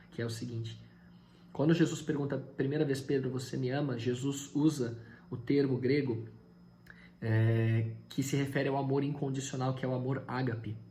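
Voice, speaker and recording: A pastor preaching a Sunday sermon, retelling Bible dialogue with voices and building to loud, high peaks. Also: male voice, a little hiss or hum.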